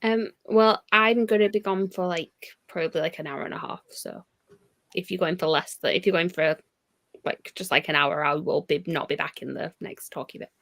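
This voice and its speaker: Co-host, woman, low-pitched, chatty, restarts her sentences. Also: normal speed, gravelly, fairly bright tone. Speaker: co-host on a livestream. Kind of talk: casual group chat on a livestream.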